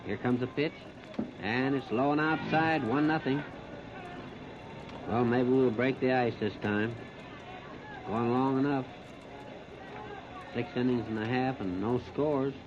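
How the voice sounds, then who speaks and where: In this muffled, noisy 1930s radio recording from an outdoor ballpark, an American man calls the baseball game live in short, homespun, plain-spoken lines. His mid-range voice holds a steady tone, unhurried and often pausing.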